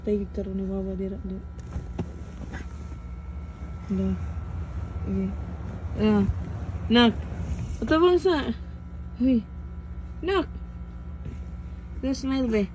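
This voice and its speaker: A woman's voice: mid-range voice, steady tone, slow pace, pauses often, a little mellow, slight background noise, rough recording. A young woman, a mother filming her child, talking in a playful, coaxing singsong and mixing in English words. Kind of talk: casual home video chat with a child.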